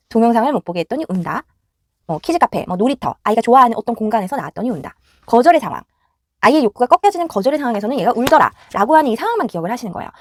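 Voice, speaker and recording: A woman's voice: on the high side, no echo, clean studio sound. A woman giving parents a direct, instructive talk on child rearing, acting out home scenes as she goes. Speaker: parenting educator.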